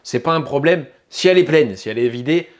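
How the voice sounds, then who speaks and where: Casual French male reviewer, slightly high voice, hesitant and filler-heavy delivery. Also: lively intonation, fast. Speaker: YouTube 3D printing reviewer. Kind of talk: casual product review talk.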